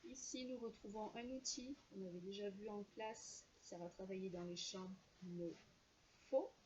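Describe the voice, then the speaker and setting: A woman teacher giving a slow, clear reading lesson to young children and carefully sounding out each syllable. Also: medium pitch, dark tone, dull audio, slight background noise.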